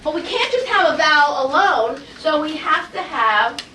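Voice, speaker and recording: A woman teaching a Hebrew phonics lesson to a class, energetic and coaxing, asking the group question after question. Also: sits high, moderate pace, slight background noise. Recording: roomy classroom audio from far off.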